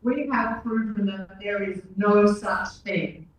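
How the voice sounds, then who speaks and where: A woman's voice: mid-range voice, steady tone, slow pace, highs cut off. Woman speaking over a crackling, cutting-out live feed. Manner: rousing, emphatic delivery. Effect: crackling, dropping-out live audio feed. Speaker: election candidate. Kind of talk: victory speech. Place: large hall at a campaign event. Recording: echoey hall picked up from far off, faint noise.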